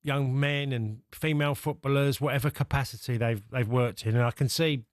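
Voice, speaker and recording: Male pundit, medium pitch, dry sound, halting reflective conversation. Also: fairly even intonation, no room sound.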